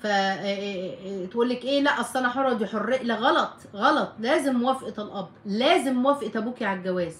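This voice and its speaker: Fast-talking Egyptian woman giving firm advice. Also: medium pitch, reverberant. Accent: Egyptian Arabic. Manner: firm, emphatic advice with repeated warnings. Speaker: family counselor hosting a live stream. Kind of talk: live Q&A chat reading viewer comments.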